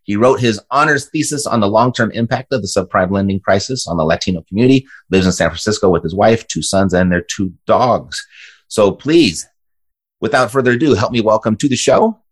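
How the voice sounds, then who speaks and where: Hosting a real estate podcast, a man promotes offers and interviews a guest in an upbeat, friendly way, with the delivery of a genial salesman. His voice is lowish, brisk and husky.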